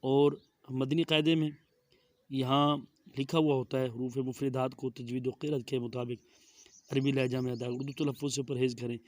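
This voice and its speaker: A middle-aged man with a Pakistani Urdu accent teaching Quranic letter pronunciation, saying each sound slowly and with care. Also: mid-range voice, no room sound. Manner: drawn-out careful letter pronunciation, monotone delivery. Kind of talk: slow methodical recitation lesson.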